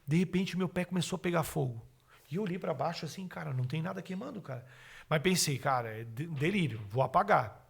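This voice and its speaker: Middle-aged man, podcast guest telling a testimony, a bit high-pitched and husky, acts out each voice in his story. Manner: animated, acts out his own and others' words.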